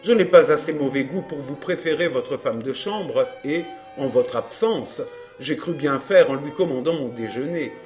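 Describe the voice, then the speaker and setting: A man voicing a smug, scheming fake baron, smooth and mocking in an audiobook drama. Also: on the high side, moderate pace, a little mellow, soft background music, natural voice.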